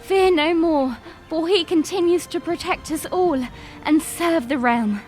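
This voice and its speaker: A woman plays a young fantasy princess with a high voice. She speaks in stately, earnest phrases, like a resolute leader in an audio drama, with music beneath her. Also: measured pace, a little mellow. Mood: solemn, proclaiming. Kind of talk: fan audio drama acting, formal oratory.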